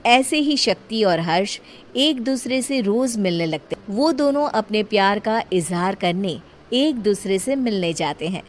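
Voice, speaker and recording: A woman's voice: medium pitch, lively intonation, unhurried, a little hiss or hum. A woman reading scripted story narration as the storyteller. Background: music.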